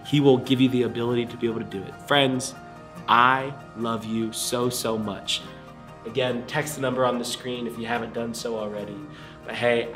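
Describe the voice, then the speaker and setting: With a medium-pitched, slightly bright voice, a young man preaches fervently to camera as a pastor. It's a livestream sermon and altar call given in a small indoor room before a screen, and he sounds earnest but a little congested.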